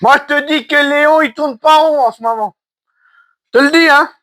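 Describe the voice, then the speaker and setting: Guy doing an unboxing vlog, really high bright voice, jokey rambling banter. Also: normal speed, dry recording. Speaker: YouTube film collector host. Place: caravan at the end of a garden.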